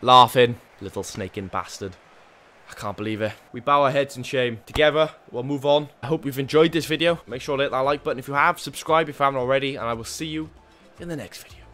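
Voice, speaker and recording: Excitable man commentating his football game. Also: medium pitch, fast talker, faint music behind. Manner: excitable commentary with frequent groans and swearing. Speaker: gaming YouTuber.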